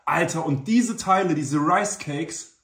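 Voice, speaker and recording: A man's voice: fairly high pitch, slow, fairly bright tone. Young guy eating on camera, mouth full, slangy and hyped, kinda echoey room. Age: 20s. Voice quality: slangy, enthusiastic delivery. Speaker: YouTuber doing a mukbang. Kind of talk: casual chat while eating. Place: small indoor room. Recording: roomy, echoey indoor sound.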